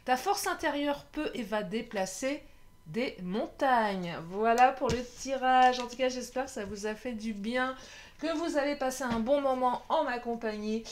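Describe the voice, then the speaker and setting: A woman's voice: on the high side, unhurried, a little hiss or hum. A woman giving a casual tarot reading, chatty, laughing often and joking about herself. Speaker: tarot card reader.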